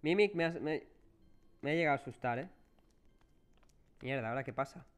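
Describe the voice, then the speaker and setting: A man with a Spain Spanish accent livestreams a horror game, chatting with his viewers in a clear, resonant, mid-range voice at a fairly quick pace. He is jumpy, cursing and groaning whenever something startles him.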